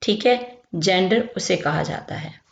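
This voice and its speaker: A woman from Pakistan teaching a grammar lesson. She explains slowly and keeps checking in as she repeats each term. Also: lowish voice, gravelly. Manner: explains slowly, repeats terms, says "theek hai" often. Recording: lo-fi echoey room.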